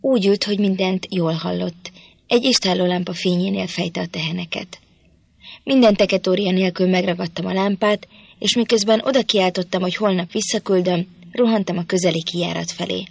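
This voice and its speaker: A woman reading a novel aloud as steady, scripted narration on a close mic. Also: fairly low pitch, vocal fry, husky, no echo. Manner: steady storytelling. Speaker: audiobook reader.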